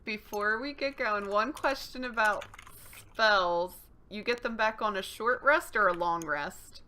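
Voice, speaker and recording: A woman's voice: mid-range voice, a little slow, bright, forceful tone. A woman playing in a tabletop game session, chatty, playful and giggly. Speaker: player. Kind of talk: casual chat during a tabletop game.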